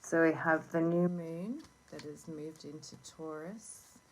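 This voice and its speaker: A woman with a low voice and a sore throat leads a casual oracle card reading at a slow pace. She meanders and pauses as she gives gentle instructions. It is recorded on a phone with clearly audible noise. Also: fairly even intonation. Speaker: tarot and oracle card reader hosting a reading. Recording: noisy phone recording with clicks.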